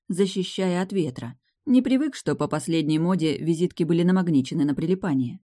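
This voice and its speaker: An audiobook narrator telling a story in a steady, measured way. The voice sits at an ordinary middle pitch and keeps an unhurried, even flow from one sentence to the next. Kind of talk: audiobook narration, reading all characters.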